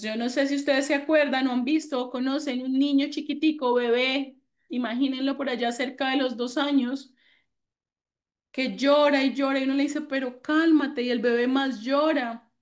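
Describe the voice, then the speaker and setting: High-voiced woman teaching online. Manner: explains with quoted examples, answers students by name. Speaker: psychological first aid instructor. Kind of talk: online class lecture.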